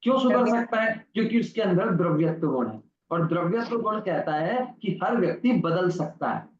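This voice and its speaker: High-voiced man teaching a class. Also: animated, brisk, reverberant, muffled recording. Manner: asks the class questions and answers them himself. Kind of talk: religious lesson for children with a story. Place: online class recording.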